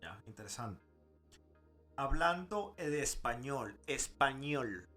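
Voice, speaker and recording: An eager co-host in a relaxed podcast, asking questions and sometimes rushing ahead. Soft music plays faintly underneath. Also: medium pitch. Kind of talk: casual podcast chat.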